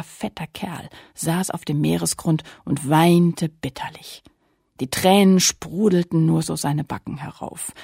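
A woman reading a children's story aloud with lively, playful narration. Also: sits low, gravelly, breathy edge, no echo, clean studio sound.

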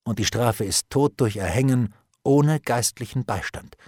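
A calm nobleman lets his dry irony and icy seriousness do the work, as a male reader puts him on. The voice stays low and measured, with a slightly husky texture. The recording is dry and close. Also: no room sound, natural voice. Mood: icily calm. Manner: calm, dry, ironic, unhurried. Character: calm, ironic male nobleman, coolly menacing. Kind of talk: audiobook character reading.

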